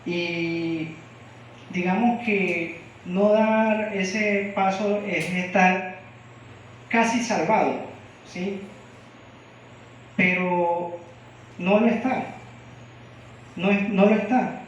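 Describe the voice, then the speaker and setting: A slow, deliberate male preacher from Venezuela delivers a sermon and keeps asking the congregation questions. His voice sits a little high for a man. It carries through a very echoey church from a distant mic, with a dull, muffled sound. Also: steady tone, slight background noise. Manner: asks the congregation frequent questions. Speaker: lay preacher.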